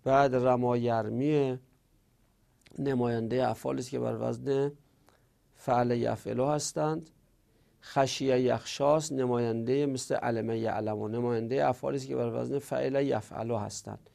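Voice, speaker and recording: A man teaching grammar, reading rules aloud and then explaining them in plain talk. His voice is gravelly and dark. He goes over his examples deliberately. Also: mid-range voice, fairly even intonation. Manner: reads rules aloud, then explains in casual spoken Persian. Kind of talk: textbook lesson, reading and explaining.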